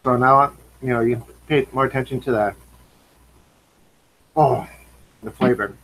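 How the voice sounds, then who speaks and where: A man's voice: medium pitch, fairly even intonation, measured pace, fairly bright tone, poor audio. A man hosting a casual live stream, chatting while he eats and tastes snacks. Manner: chatty, talks while eating and tasting. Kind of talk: casual chat.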